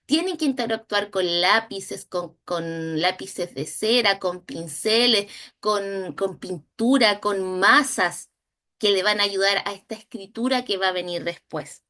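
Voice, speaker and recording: A Chilean woman teaching a recorded training lesson on early reading, slowly sounding out letters and syllables. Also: medium pitch, sharp tone. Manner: slow, drawn-out modeling of sounds and syllables. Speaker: instructor.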